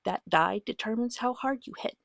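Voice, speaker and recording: A woman gently and patiently teaches a beginner a tabletop game in soft-spoken ASMR style, using short, measured phrases for a slow guided explanation. Her fairly high voice is soft and breathy, often sinking to a whisper, and the clean studio recording is dry.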